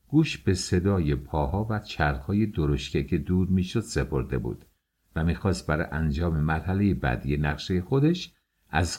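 A man's voice: deep voice, a little mellow, husky. A man reading a novel aloud as an audiobook narrator, telling the story expressively. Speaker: audiobook reader.

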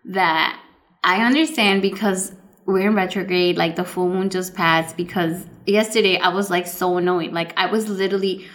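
A woman's voice: lowish voice, fairly even intonation, moderate pace, a bit bright. A young adult woman co-hosting a podcast, telling stories in a rambling, giggly way full of filler words. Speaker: podcast co-host. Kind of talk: casual podcast chat.

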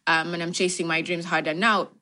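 A young woman from Uganda speaks as an interview guest, with a voice a little lower than most women's. She talks in a reflective way, circling back with fillers and restarts as she thinks. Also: little pitch movement, brisk, pushed and bright. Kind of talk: thoughtful interview answers.

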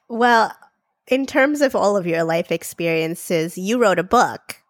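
A woman's voice: lowish voice, expressive, a little slow, no echo, clean studio sound. A woman hosting a casual interview show, friendly and asking short questions. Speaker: podcast host.

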